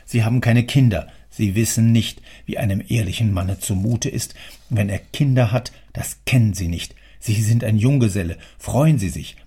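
A man voicing a gruff, domineering older male factory owner who scolds loudly and sarcastically. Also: fairly low pitch, moderate pace, few pauses. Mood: scolding.

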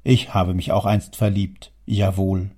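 A man's voice: deep voice, level tone, measured pace, mellow, breathy edge. A man doing a stern old rich father. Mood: wistful. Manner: lecturing, indignant, declamatory. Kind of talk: audiobook character reading.

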